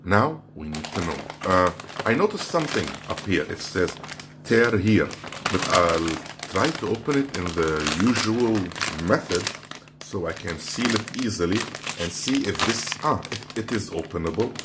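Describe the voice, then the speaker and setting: A man's voice: low-pitched, lively intonation, normal speed. A man giving a casual food review, talking while he handles and crunches chips, in an off-the-cuff vlog style. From outside the Philippines. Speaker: snack reviewer. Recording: clearly noisy background.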